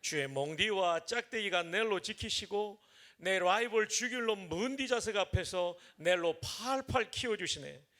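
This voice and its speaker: A man recites a psalm in a put-on Gyeongsang dialect as a rough, forceful speaker. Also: high voice, exaggerated voice.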